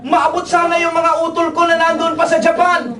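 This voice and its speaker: A man's voice: very high voice, little pitch movement, a little fast, voice pushed up. A preacher voicing a desperate rich man suffering in hell, pleading in a raised voice. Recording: echoey hall, distant mic, crowd.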